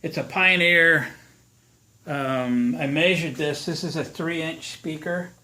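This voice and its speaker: This American repair-video host speaks slowly in a highish voice that sounds bright and pushed. His delivery is folksy and relaxed, and he thinks aloud as he works through the demonstration against clear background noise.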